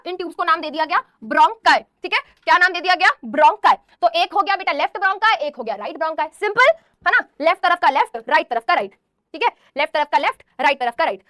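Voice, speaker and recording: A young woman with an extremely high, pushed and bright voice teaches biology, calling her students "beta" and asking questions she then answers herself. She slips English terms into her explanations, and the studio sound is clean with no room sound.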